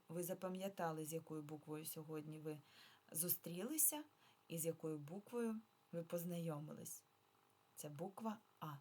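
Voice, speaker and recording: A woman teacher giving a remote lesson to first graders, drawing out sounds slowly and patiently asking the children questions. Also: lowish voice. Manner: slow, clear, drawn-out sounds for children. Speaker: primary school teacher.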